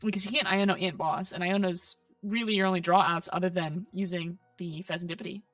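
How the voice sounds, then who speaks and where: A woman's voice: on the low side, steady tone, a little fast, fairly bright tone, dry recording, recorded from a distance, faint music behind. A woman with a Southern US accent commentating on a competitive card game, analytical with playful asides. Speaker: caster.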